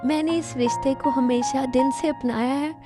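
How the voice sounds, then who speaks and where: A woman's voice: sits high, steady tone, moderate pace, close to an everyday voice. A woman voicing a young pregnant lover who pleads and stammers through tears, in a fan dub. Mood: pleading. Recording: music in background.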